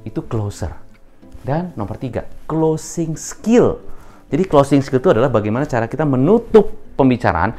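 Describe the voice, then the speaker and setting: A man who coaches salespeople and explains how to close deals. He talks in an animated way and mixes in English terms. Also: mid-range voice, moderate pace, faint music behind. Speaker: sales trainer. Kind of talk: training talk with role-play demos.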